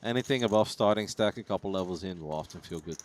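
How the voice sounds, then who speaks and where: A man's voice: deep voice, fast talker. A man commentating on live poker in a casual, chatty, jokey and teasing way.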